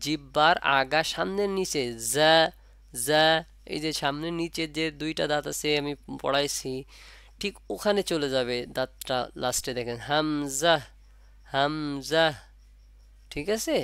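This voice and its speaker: Patient Bangladeshi male teacher, clear ringing voice, stretches letter sounds to demonstrate. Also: fairly high pitch, moderate pace, a bit bright, no echo. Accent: Bangladeshi Bengali. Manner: patient, repeats and asks the class questions. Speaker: Arabic reading teacher. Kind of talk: Quran letter pronunciation lesson.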